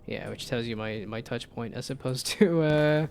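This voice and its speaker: Streaming a game, a young-sounding man with a slightly nasal voice chats in a laid-back way, rambling and restarting. His medium-pitched voice has a darkish tone and moderate pace, with faint music behind.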